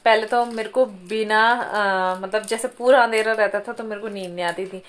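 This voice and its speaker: A woman's voice: medium pitch, steady tone, moderate pace. Chatty young mother vlogging at home. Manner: chatty, addresses viewers with frequent tag questions. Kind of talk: casual home vlog chat. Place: home bedroom.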